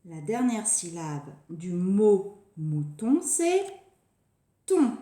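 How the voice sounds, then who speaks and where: In a recorded lesson, a preschool teacher addresses young children in a high, lively voice whose pitch swoops around. Mellow in tone, she speaks slowly and deliberately, stretching out words and carefully repeating them. The bare room gives the recording an echo.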